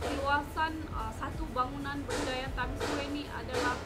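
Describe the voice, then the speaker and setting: Female narrator, Malaysian Malay accent, high voice, lively, clear music bed behind. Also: moderate pace. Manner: lively, mixes in English words. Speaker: video presenter. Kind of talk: informal travel narration. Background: background music.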